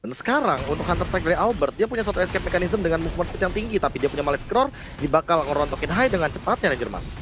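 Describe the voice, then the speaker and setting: A man's voice: a little high, expressive, rapid-fire, over music. An Indonesian man giving explanatory, analytical esports commentary as the analyst on the desk. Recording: clear background noise behind voice.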